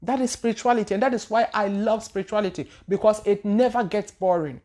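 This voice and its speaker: Speaking quickly in a warm, medium-pitched voice, a woman from Ghana answers viewer questions on the channel she hosts as a spiritual teacher. Her casual talk is loose and searching, full of repeated words and hesitations that trail off.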